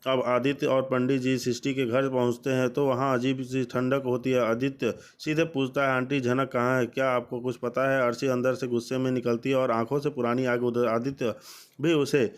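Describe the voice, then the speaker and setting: A man's voice: mid-range voice, flat delivery, moderate pace. A man narrating a recap of a TV serial for viewers, calling them friends and reading out the characters' lines.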